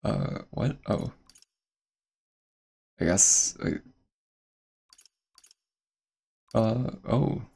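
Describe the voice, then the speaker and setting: A man's voice: fairly low pitch, animated, extremely slow, gravelly, pauses often, dark tone, husky. A young man streaming a game, chatting casually in a rambling way full of fillers and restarts, a little out of breath. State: slightly out of breath. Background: game music.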